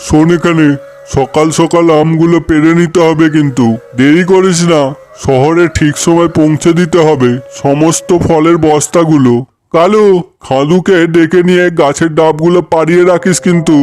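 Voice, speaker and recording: A man's voice: a little high, steady tone, normal speed, a little mellow, faint music behind, close to an everyday voice. A man voicing a commanding, short-tempered king animal in a cartoon who orders servants about. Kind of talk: cartoon voice acting.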